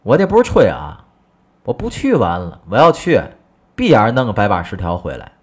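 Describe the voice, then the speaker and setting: A man voicing a boastful, loudmouthed middle-aged neighbor, talking in a brash, bragging way. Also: fairly low pitch, very animated, normal speed.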